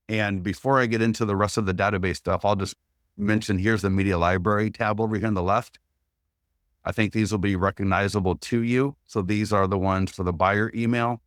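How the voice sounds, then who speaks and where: A man's voice: on the low side, dry recording, studio quality. A man presenting an instructional webinar, walking through steps as a checklist in an upbeat, practical way.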